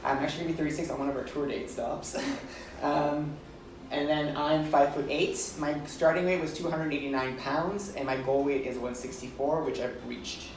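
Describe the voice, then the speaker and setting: A man in his thirties chatting as a vlog co-host on a cruise ship balcony, friendly and explanatory, often agreeing with a quick yeah. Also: fairly high pitch, fairly even intonation, roomy sound, recorded from a distance, slight background noise, poor audio. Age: 30s. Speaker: vlogger co-host. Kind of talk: casual chat.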